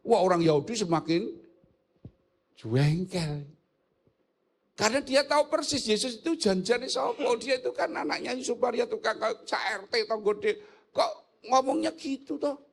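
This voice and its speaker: A man's voice: very high voice, normal speed, creaky. An older man with a Javanese accent, a pastor teaching a church theology class, joking and asking his listeners rhetorical questions in casual speech. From Indonesia. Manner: mixes in colloquial local words.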